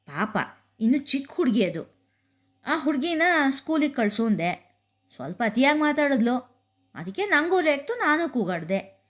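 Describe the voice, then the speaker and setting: A woman's voice: high voice, sing-song, a little slow, voice pushed up. A woman voicing a blunt young village woman who answers cool, offhand and defiant.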